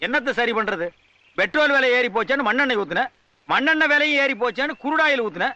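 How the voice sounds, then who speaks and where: An actor playing a bossy, short-tempered middle-aged troupe leader in a 1980s film comedy, loud and sarcastic. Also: male voice, very high-pitched, animated, fast, no echo, exaggerated voice. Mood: scolding. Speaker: leader of a folk dance troupe.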